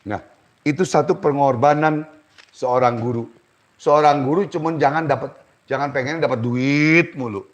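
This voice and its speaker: A man's voice: medium pitch, normal speed. A middle-aged man, a spiritual teacher and healer preaching and giving advice on a live stream. He is emphatic and repeats phrases for stress.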